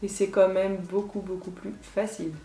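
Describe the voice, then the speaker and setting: A woman's voice: medium pitch, level tone, normal speed, warm tone. A woman beauty vlogger giving a chatty makeup tutorial straight to her viewers, with offhand asides. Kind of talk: makeup tutorial talking to camera. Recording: roomy echo.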